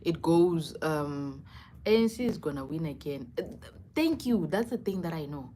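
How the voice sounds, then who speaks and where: Young woman livestreamer, South African accent, code-switching, expressive and conversational, with faint-to-clear noise behind her. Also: sits low, moderate pace. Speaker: livestreamer chatting with commenters. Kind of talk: casual live chat.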